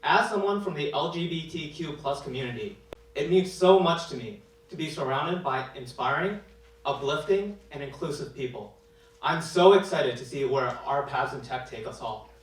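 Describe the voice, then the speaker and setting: A man gives a scripted presentation with a proud tone. His voice is a little high. He sounds distant, with strong echo from a large hall. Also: lively intonation, moderate pace. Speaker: presenting developer. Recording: echoey hall mic from a distance.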